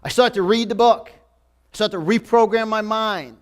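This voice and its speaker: This is a high-pitched, smooth male voice with a steady tone and a moderate pace. The man, a New Yorker in his forties, is a motivational speaker giving an emphatic, repetitive talk to a live audience in an event room.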